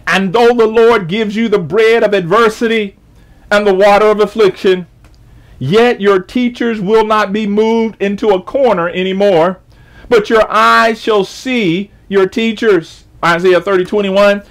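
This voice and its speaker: A man's voice: high voice, fairly even intonation, measured pace. A man preaching a sermon, stretching out scripture readings and restarting his phrases with emphatic repeats.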